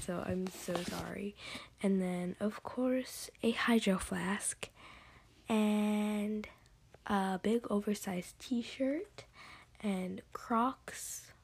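A teenage girl doing a whispered ASMR talk, casual and rambling with many fillers, in a breathy whisper. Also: mid-range voice, a little mellow.

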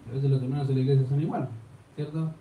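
A man's voice: mid-range voice, fairly even intonation, fast, dark tone. A male pastor with a Chilean accent preaching a sermon, speaking directly and pressing his point with rhetorical questions. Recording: echoey room from a distance, faint noise.

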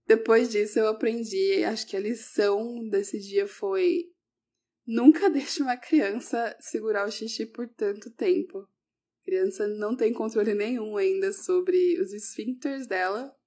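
A woman's voice: medium pitch, fairly even intonation, unhurried, warm tone. A woman, a teacher, telling a personal story in a reflective way, often correcting herself mid-sentence.

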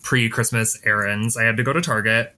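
A man's voice: fairly low pitch, fairly even intonation, a little fast, sharp tone. A man hosting a podcast in casual chat, with a wry, gossipy way of talking. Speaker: podcast host.

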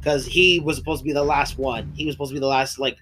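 A man with a medium-pitched, steady voice and a sharp tone talks quickly while co-hosting a casual podcast, recapping a show's episode. His retelling rambles, broken up by laughs, restarts, occasional coughs and voice breaks, over slight background noise.

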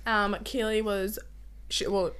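A woman's voice: mid-range voice, flat delivery, takes it slowly, fairly bright tone, clear, resonant tone. A young woman co-hosting a podcast in casual, rambling, giggly chat, her voice a little off and limited in volume from a recovering sore throat. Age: young adult. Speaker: podcast co-host.

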